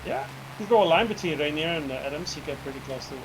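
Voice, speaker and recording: A man's voice: a little high, lively intonation, quick pace. A man chatting casually in a group flight game, explaining things in short, clipped remarks. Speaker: player in a group flight-simulator session. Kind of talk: casual chat while flying in a flight simulator. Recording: loud vehicle-like drone, noisy voice chat.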